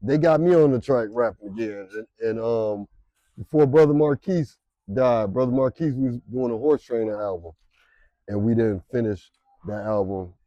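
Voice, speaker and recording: Man, interview guest; relaxed, slangy delivery, warm low tone, dry close sound. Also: normal speed, no room sound, dull audio. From Detroit, Michigan. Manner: laid-back, slangy, trails off with fillers. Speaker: interview guest, music promoter and rapper. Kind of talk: casual interview.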